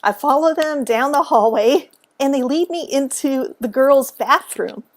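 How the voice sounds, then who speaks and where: A woman telling a story to camera in a relaxed, animated way, acting out what people said and laughing along the way. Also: sits high, measured pace. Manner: animated, acts out quotes, laughs often. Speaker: author and speaker. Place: at home.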